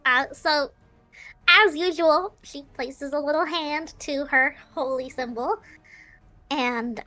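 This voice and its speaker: Woman player, high voice, slow unhurried talk, playful. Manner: playful, drawn-out, describes her spell calmly. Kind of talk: playing a tabletop game, casual chat.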